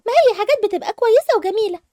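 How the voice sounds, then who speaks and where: A woman with an Egyptian accent voicing a jealous, sharp-tongued young girl in a game movie, whiny and defensive. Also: very high-pitched, expressive, racing, no echo, studio quality. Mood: sulky. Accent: Egyptian Arabic. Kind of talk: animated game movie voice acting.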